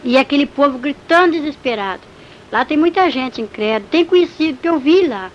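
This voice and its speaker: A church testimony speaker, a woman with a fairly high voice, recounts her religious testimony vividly and emotionally, fairly quick and with lively intonation. The recording sounds slightly dull and has a faint hiss.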